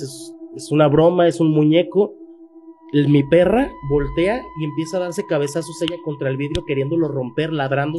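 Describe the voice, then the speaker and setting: A man's voice: a little high, mellow. A man in his thirties with a Mexican Spanish accent, telling a frightening personal story in casual, slangy speech and raising his voice when quoting people. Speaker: guest telling a paranormal story.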